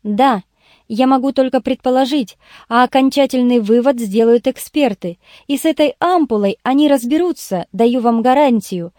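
A woman's voice: on the high side, normal speed, dark tone, no room sound, studio quality, lightly acted. A woman reading the lines of a blunt male journalist questioning a suspect in an audiobook. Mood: interrogating. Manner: harsh, interrogating.

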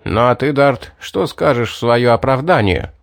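A weary town judge from a fantasy audiobook, gruff and matter-of-fact, sighing his way through a dull case, as a man plays him in his own middle register. The voice is recorded dry and close, with no room sound. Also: mid-range voice, animated, moderate pace, no echo.

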